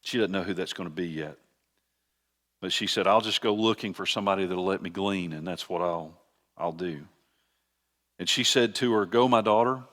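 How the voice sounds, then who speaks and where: A man's voice: sits low, normal speed, long pauses, fairly bright tone. An older man, a pastor giving a conversational teaching sermon with frequent restarts.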